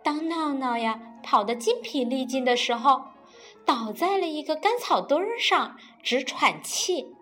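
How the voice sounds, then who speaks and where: A woman reading a children's picture book aloud in a playful, animated way. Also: high-pitched, measured pace, faint music behind. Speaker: storyteller.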